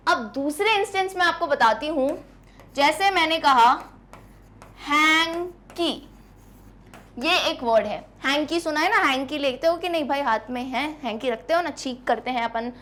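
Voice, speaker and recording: A high-pitched woman teacher explains grammar to schoolchildren. She talks patiently and warmly to her students, repeating words slowly to sound them out.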